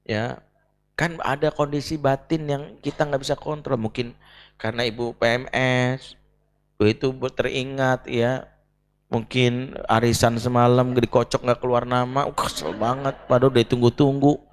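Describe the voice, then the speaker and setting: A middle-aged man giving a lively religious talk on marriage, joking and acting out family members. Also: mid-range voice, normal speed, big-room sound. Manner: lively, jokey, acts out quoted family members. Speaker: preacher.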